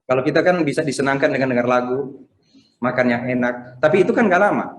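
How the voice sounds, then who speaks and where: A man preaching a Sunday sermon in a conversational, animated way, acting out the people he quotes. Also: medium pitch, fast, reverberant, slight background noise. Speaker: pastor. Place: church service streamed over video call.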